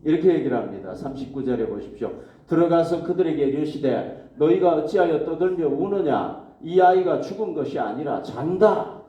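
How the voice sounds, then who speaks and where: A man's voice: a little high, animated, normal speed, highs cut off. A male pastor preaching a sermon to his congregation, asking questions and answering them himself. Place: church hall. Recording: echoey church hall, mic at a distance.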